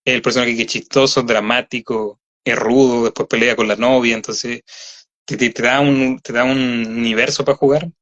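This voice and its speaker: A man's voice: mid-range voice, fairly even intonation, normal speed, fairly bright tone. A man with a Chilean accent, a voice actor chatting at length in an interview and explaining with many fillers. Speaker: voice actor guest. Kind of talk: casual interview chat. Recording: slightly dull lo-fi audio.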